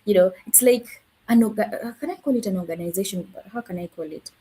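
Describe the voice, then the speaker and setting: A Kenyan woman who teaches languages joins a live online conversation as a guest over a video call, and Swahili isn't her first language. Her mid-range voice is warm and husky, her pace quick, and she searches for words with plenty of fillers; the audio quality is poor.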